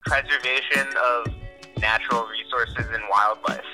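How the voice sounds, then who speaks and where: A man's voice comes through a phone on speakerphone, very bright and thin in tone. He is calling from his car. He chats casually and goes along with whatever he is asked. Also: mid-range voice, steady tone, a little slow, soft background music, low-quality recording. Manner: easygoing, agreeable. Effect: heard through a phone on speakerphone. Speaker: friend on a phone call.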